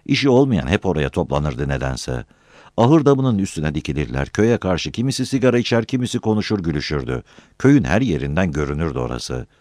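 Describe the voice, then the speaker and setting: A man's voice: a bass voice, dry recording, clean studio sound. A man reading a village story aloud, narrating expressively. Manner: expressive, shifting between voices.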